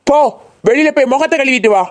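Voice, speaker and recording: A woman's voice: sits high, quick pace, close to an everyday voice. A woman voicing a stern tuition teacher in a cartoon, scolding and bossy.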